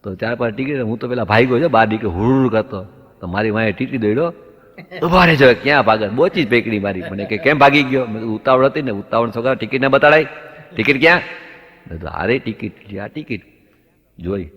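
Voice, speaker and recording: A man's voice: lowish voice, fairly quick, fairly bright tone, breathy edge. A man doing stand-up comedy, telling anecdotes and acting out both sides of the dialogue up to the punchline. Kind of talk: stand-up comic storytelling. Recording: dull lo-fi sound with long hall reverb.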